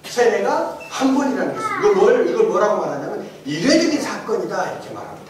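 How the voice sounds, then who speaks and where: A middle-aged man, a pastor teaching his congregation, quizzing them with jokes and laughter, then building to emphatic shouted refrains. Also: high voice, sing-song, fast talker, noisy background. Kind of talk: interactive sermon teaching. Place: large church hall with congregation. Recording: echoey hall, distant mic, congregation audible.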